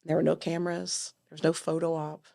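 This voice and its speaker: Lively storytelling woman, lowish voice. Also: vocal fry. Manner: lively, acts out dialogue, quick asides. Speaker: nonprofit founder, guest. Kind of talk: animated storytelling.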